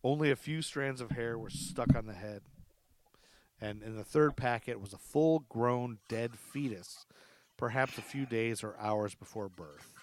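Speaking at a measured pace in a mid-range voice, a man hosts a podcast of true crime tales. Some of it he reads from his notes, and the rest is relaxed talk sprinkled with jokes.

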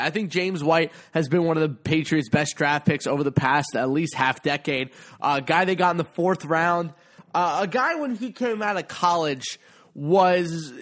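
A man's voice: sits high, fairly bright tone. A man with a stuffy nose hosting a podcast, giving casual sports commentary in a chatty, playful, emphatic way. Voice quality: congested, stuffy-nosed. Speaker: podcast host.

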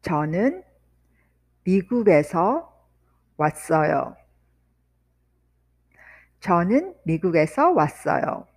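Slow, lively-voiced woman teaching Korean. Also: on the low side. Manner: repeats phrases slowly, then quickly. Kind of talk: slow, drilled language lesson.

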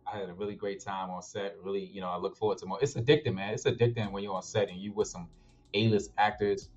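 A man's voice: fairly low pitch, flat delivery, quick pace, a little mellow, dull audio. A man who acts and makes films, talking casually about his projects in a laid-back, slangy way. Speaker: actor and filmmaker guest. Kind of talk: casual interview chat.

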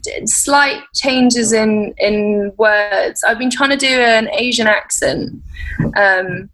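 A woman's voice: fairly high pitch, takes it slowly, a bit bright, poor audio. A young woman chatting as a podcast guest, rambling along with many fillers and restarts. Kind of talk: casual interview chat.

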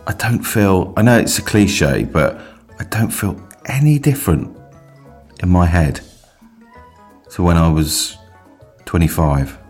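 A man in his late forties with a very low voice that swings widely in pitch as he co-hosts a casual podcast. He fires off teasing, playful questions. Faint music sits underneath. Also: lively intonation, a little slow, pauses often, a little mellow. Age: 40s. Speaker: podcast co-host. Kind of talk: casual chat, live-streamed.

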